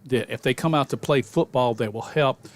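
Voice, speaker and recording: Speaking at a moderate pace, a man rambles through folksy, filler-heavy color commentary on a high school football game. He's calling it for radio from the stadium press box.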